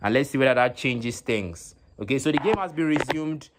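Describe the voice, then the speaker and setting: A man hosting a live stream and commentating an esports tournament, talking haltingly with many fillers and repeated words into a phone. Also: mid-range voice, background noise.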